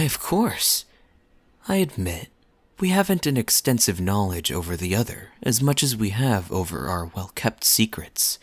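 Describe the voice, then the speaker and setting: A man's voice: lowish voice, fairly bright tone, no room sound, full character voice. Man playing suave, teasing Kaeya, swooping flirtatious lilt. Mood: coy, flirtatious. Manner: smooth-talking, playful, coy, lingering phrasing. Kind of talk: romantic interactive audio roleplay, spoken to the listener.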